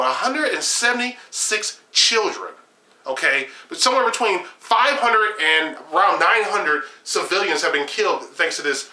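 A man's voice: high-pitched, roomy sound. A young man giving sarcastic, opinionated political commentary to camera from a small room at home, with many fillers and restarts. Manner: animated, gesturing, sarcastic, frequent fillers and restarts. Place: small room at home, shelves of games behind.

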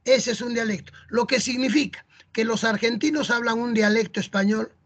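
Speaking at a moderate pace, this teacher has a medium-pitched voice that is a bit bright and slightly rough. Originally from Peru and carrying a Peruvian Spanish accent, the teacher explains a lesson chattily, often adding rhetorical "¿no?" and "¿ah?".

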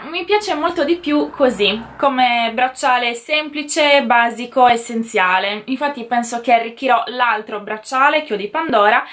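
Young woman, gushing, casual vlog chat, slightly high voice. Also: a bit bright. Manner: enthusiastic, gushing. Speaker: beauty vlogger. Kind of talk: casual haul chat to camera.

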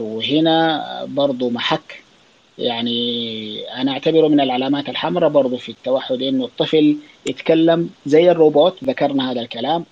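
A man with a Saudi accent, a child psychiatrist, talks quickly through listener questions in a loose, explanatory way, full of fillers and restarts. His voice sits a little high for a man. The sound is dull and lo-fi, like a voice streamed through an online audio room. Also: a little mellow. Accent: Saudi Arabic. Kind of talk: casual spoken Q&A on an online audio space.

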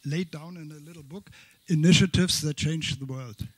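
Older guy rambling a bit at a panel, husky slightly high voice, lots of ums, dry sound. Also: no room sound. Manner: halting, with many restarts and fillers. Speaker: consumer association member speaking from the floor. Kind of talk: spontaneous panel remarks. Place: indoor conference hall.

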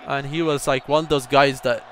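A young man commentating his own gameplay, telling a story and bursting into excited shouts at the game. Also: medium pitch, moderate pace. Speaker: gaming YouTuber.

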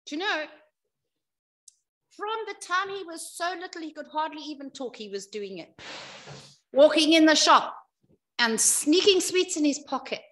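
A woman with a high voice tells a story to the children during a church service. She tells it expressively, dropping soft and then rising loud. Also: expressive, moderate pace, long pauses.

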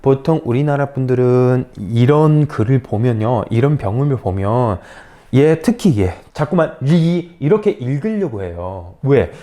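A woman's voice: very deep voice, animated, unhurried, mellow. A woman teaching Chinese pronunciation, drilling syllables and tones one by one and explaining with playful asides to her learners. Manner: drills syllables and tones, repeating after each. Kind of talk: pinyin pronunciation lesson.

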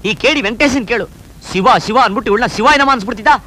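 A man's voice: very high voice, full character voice, poor audio. An actor playing a cheeky young village man in a film, talking. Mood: indignant. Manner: fast, cheeky, animated rustic talk. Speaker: village hero in a comedy film. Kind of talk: film dialogue. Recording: film soundtrack with music underneath.

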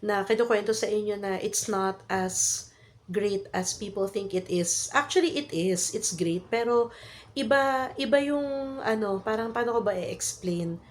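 At a measured pace and medium pitch, a Filipina woman in her thirties recounts a casual story for her vlog while coughing with a cold. She speaks chatty, Filipino-accented Taglish, heavy on fillers and tag questions.

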